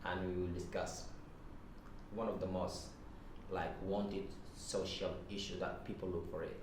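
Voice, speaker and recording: The podcast host, a native Arabic speaker from Sudan in his thirties, has a Sudanese Arabic accent and a low voice. He keeps a level tone at a measured pace through the informal interview, which was recorded in an echoey room with a distant mic and background noise.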